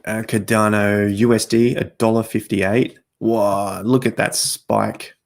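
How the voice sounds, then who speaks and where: A man hosting a casual crypto livestream, talking straight to viewers as he walks through charts, his voice going hoarse with coughs. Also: lowish voice, little pitch movement, slow. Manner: chatty, talks straight to viewers while walking through charts. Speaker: crypto market host.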